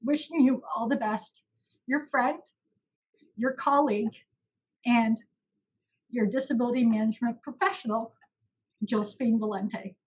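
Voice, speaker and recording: A woman's voice: a little high, unhurried, pauses often, breathy edge, highs cut off. A young woman giving an emotional, heartfelt valedictory speech at an online graduation ceremony.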